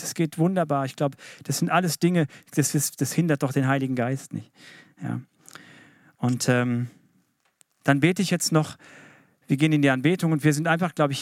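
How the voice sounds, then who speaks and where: Fervent middle-aged German-speaking pastor. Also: male voice, fairly high pitch, no echo, clean studio sound. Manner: emphatic, rising to fervent appeals. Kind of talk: sermon. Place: church.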